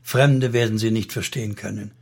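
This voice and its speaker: A man voicing an earnest, devout young girl, speaking softly and reverently in an audiobook reading. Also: lowish voice, fairly even intonation, a little fast, gravelly, slightly rough.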